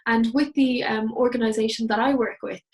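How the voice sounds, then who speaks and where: A woman with a west of Ireland accent speaks as a guest presenter. Her voice sits a little high, and she explains things in an informal, conversational way. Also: steady tone, brisk, darkish tone. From Galway, west of Ireland.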